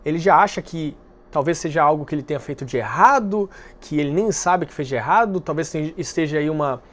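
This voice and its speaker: A man hosting a dating-advice video, speaking calmly and directly to the viewer, explaining step by step. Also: on the high side, a little fast. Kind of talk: direct-to-camera advice talk.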